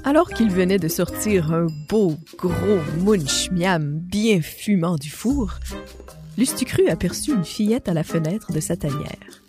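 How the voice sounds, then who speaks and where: Expressive woman reading a children's story. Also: fairly low pitch, measured pace, over music. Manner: warm, expressive, addresses the child listener.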